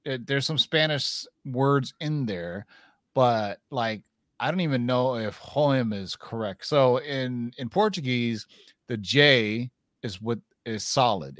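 A man's voice: medium pitch, fairly bright tone, dry recording, studio quality. A man co-hosting a casual comic sales chat, joking and swearing, trailing off with fillers. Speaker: co-host of a comic sales show.

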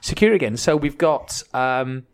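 A man's voice: medium pitch, lively intonation, moderate pace, clear, resonant tone. A man with a Welsh accent hosting a podcast in a chatty, joking way, often restarting his sentences. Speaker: podcast host. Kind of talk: casual podcast chat.

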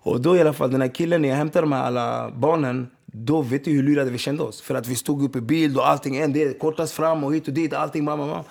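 A man's voice: on the high side, steady tone, creaky, few pauses, darkish tone. A man, a former footballer telling streetwise stories in a casual interview, often checking that the listener follows. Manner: streetwise, repeats "förstår du vad jag menar". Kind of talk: casual storytelling.

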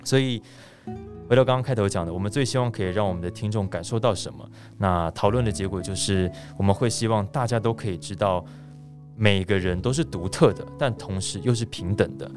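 A Taiwanese voice actor with a deep, soothing voice gives thoughtful interview answers. He speaks earnestly and at a measured pace, with soft music underneath.

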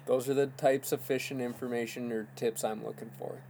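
A man with a Minnesota accent, co-hosting a relaxed fishing chat and laughing easily. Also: mid-range voice, brisk, slight background noise. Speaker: podcast host. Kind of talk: casual chat.

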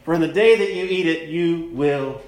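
A man preaching a sermon at a pulpit microphone in a church, plainspoken and conversational, stressing words slowly for emphasis. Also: fairly high pitch, a little mellow. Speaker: pastor. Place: church sanctuary. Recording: echoey church room.

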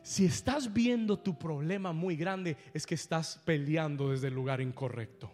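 A pastor preaching with fervor, dropping to hushed asides and rising to shouted emphasis, repeating his own lines in English. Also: on the high side, normal speed, faint music behind. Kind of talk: preaching a sermon.

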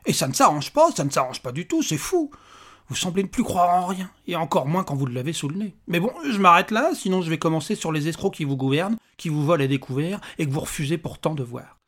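Man putting on a tiny bald bearded imp, higher and louder, husky, irritable, sarcastic, storybook reading. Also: big pitch swings, fast talker. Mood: exasperated. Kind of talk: audiobook character voice.

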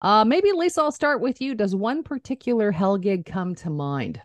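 Female host, middle-aged, medium pitch, casual and joking, no room echo. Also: very animated, moderate pace. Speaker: podcast host. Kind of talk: casual chatty hosting.

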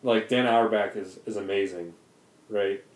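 A man's voice: lowish voice, steady tone, unhurried. A young man in casual chat on a podcast, hesitant and stammering as he starts his sentences. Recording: roomy echo.

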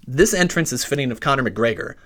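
A man hosting a podcast from inside a basement closet, narrating a scripted sports story in an animated storytelling way. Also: medium pitch, fairly quick. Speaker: podcast host.

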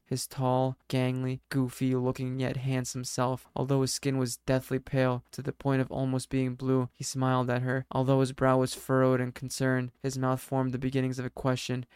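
A man narrating a scripted story in a steady, even reading voice. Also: medium pitch, clean tone, no echo, studio quality.

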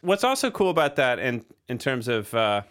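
Smooth and medium-pitched, a man speaks at a moderate pace as podcast co-host and drummer, casually discussing their record. He rambles in a relaxed way, full of fillers.

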